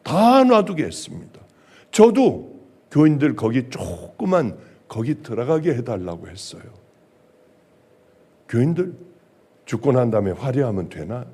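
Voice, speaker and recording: A middle-aged male pastor preaching a sermon, emphatic, swinging from loud exclamations to hushed, quiet lines. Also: medium pitch, very animated, measured pace, pauses often, slightly rough.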